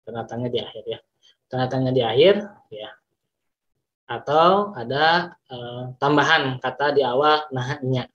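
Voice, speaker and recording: Male teacher, Sundanese accent, repeats examples slowly, mid-pitched, slightly dull lo-fi sound. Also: fairly bright tone. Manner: repeats examples slowly, stretching words for emphasis. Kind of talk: classroom lesson explanation.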